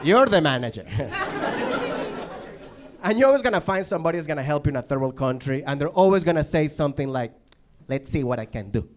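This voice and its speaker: A man from Venezuela whose first language is Spanish, doing animated stand-up and acting out characters in a noisy club recording. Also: a little high, fast, pauses often, a faint crowd. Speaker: stand-up comedian. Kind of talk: stand-up comedy.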